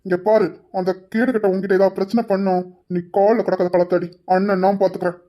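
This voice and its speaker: A woman's voice: mid-range voice, little pitch movement, fast talker, lo-fi sound, natural voice. A woman voicing an impatient young husband who scolds his wife sharply in an amateur audio drama. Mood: scolding.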